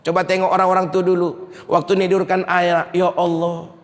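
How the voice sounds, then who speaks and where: A man's voice: high voice, brisk. A man preaching a humorous sermon at a live event, telling stories and acting out quotes to the crowd. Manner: lively storytelling with acted-out quotes and crowd address. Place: mosque hall, live event. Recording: long reverb of a large hall.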